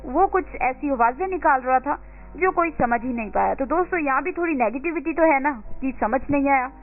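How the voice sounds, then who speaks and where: High-voiced Indian woman teaching vocabulary. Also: expressive. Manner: explains in Hindi, reads English words and examples slowly, spells letter by letter. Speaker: radio host teaching English vocabulary. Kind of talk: radio vocabulary lesson. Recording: phone-like lo-fi radio audio with faint music.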